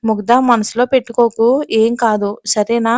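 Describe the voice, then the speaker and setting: A woman's voice: fairly high pitch, little pitch movement, normal speed, a little mellow, no room sound, clean studio sound, lightly acted. A woman playing a caring, comforting older relative.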